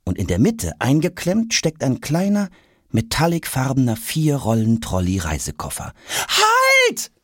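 A man narrating a children's audiobook in a lively, expressive way. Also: medium pitch, normal speed, no echo, clean studio sound.

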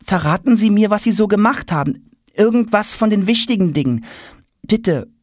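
Man doing a high eager schoolboy. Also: lively intonation, moderate pace, no echo, clean studio sound. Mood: eager questioning. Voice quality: eager, questioning. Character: curious, hasty schoolboy, polite but impatient.

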